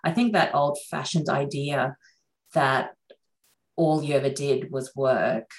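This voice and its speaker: Low-voiced woman surgeon, chatty and reflective. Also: fairly even intonation, slow pace, rough recording. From Sri Lanka. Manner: chatty, reflective, frequent fillers. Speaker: surgeon guest. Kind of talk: relaxed interview conversation.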